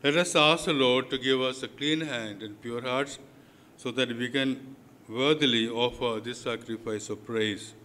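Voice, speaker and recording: A man speaking as a priest into a pulpit microphone, leading prayers in short, measured phrases with many pauses. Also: mid-range voice, pushed and bright, slight background noise. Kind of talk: liturgical address and prayers. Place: large church. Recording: long church hall reverb.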